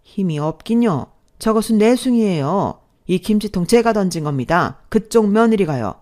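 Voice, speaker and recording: A woman's voice: medium pitch, expressive, normal speed, darkish tone, natural voice. A woman voicing a spoiled, rude young half-sister who talks in a snippy, whiny way, read as storybook dialogue.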